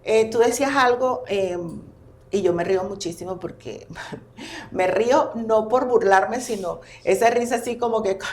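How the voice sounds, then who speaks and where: Her slightly high voice moves a little slowly as this family constellations therapist, guesting on an informal podcast, tells stories with animated expression. The audio has roomy echo and a little hiss or hum.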